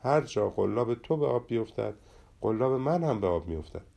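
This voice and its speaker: A man voicing a patient, gentle friend in a storybook tale who speaks softly and resignedly. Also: mid-range voice, expressive, vocal fry. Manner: soft, resigned, sighing.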